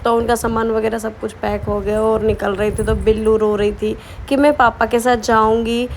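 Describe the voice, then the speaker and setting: A woman's voice: on the high side, level tone, normal speed. A young woman from Bihar chatting casually to her viewers in a daily vlog, teasing and talking directly to them. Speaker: vlogger. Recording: faint background noise.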